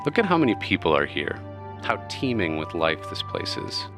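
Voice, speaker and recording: A man voicing a serene, divine female patron spirit, speaking slowly and solemnly. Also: deep voice, big pitch swings, music in the background.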